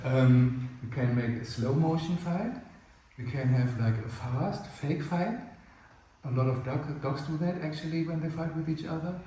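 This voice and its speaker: A man's voice: a little high, normal speed, mellow. A man with German as his first language explains playfight rules to a group in a big indoor room full of mats. He rambles, uses lots of fillers, and acts out little scenes. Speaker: playfight workshop instructor. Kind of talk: casual spoken explanation of rules. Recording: distant, very echoey room with faint noise.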